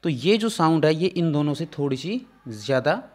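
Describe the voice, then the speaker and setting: A man's voice: on the high side, lively intonation, moderate pace, a little mellow. A man teaching a phonetics lesson, explaining patiently step by step.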